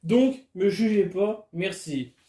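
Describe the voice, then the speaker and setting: A man's voice: high-pitched, lively intonation, slow pace, warm tone, echoey room. A man alone at home, chatting casually and crudely to his camera while unboxing. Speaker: vlogger. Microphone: camera filming him.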